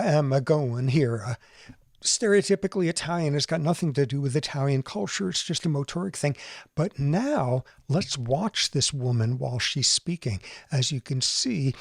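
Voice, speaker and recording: Male podcast host, lecture-style explainer, animated, slightly high voice, dry close sound. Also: no echo. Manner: explanatory, animated, mimics accents briefly. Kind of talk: conversational lecture.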